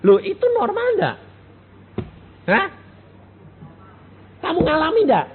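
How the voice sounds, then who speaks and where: An older Indonesian man delivers a sermon in a slow, deliberate way, his pitch leaping wildly between high bursts and low murmurs as he acts out conversations. The recording is thin and phone-like, with a faint hiss underneath. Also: huge pitch swings. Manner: emphatic, rises sharply and drops low, acts out dialogues. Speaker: evangelist preacher.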